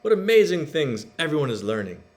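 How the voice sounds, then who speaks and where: Storybook principal, played by a male reader: earnest, over-keen, emphatic, very lively intonation. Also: on the high side, voice pushed up. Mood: proud. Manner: emphatic, proud, drawn-out praise.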